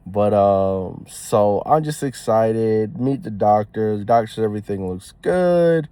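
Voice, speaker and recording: A young man with a fairly low voice tells a story in a casual vlog. His slangy talk swings from giddy and animated to hushed and somber. The recording is dry and close. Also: a little slow, clear, resonant tone, no room sound. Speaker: new dad telling a story.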